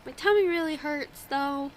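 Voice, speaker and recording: Speaking at a moderate pace, this podcast co-host has a high-sitting voice and a congested nose. She's young and chatty, cursing freely and laughing a lot. Her old home mic adds a little hiss or hum.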